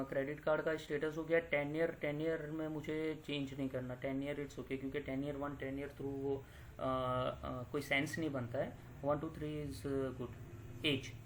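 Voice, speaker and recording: A man with a fairly high voice walks through a software tutorial, thinking aloud as he clicks. He often pauses with fillers and corrects himself mid-sentence. A faint hiss runs under the recording. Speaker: data analytics tutor.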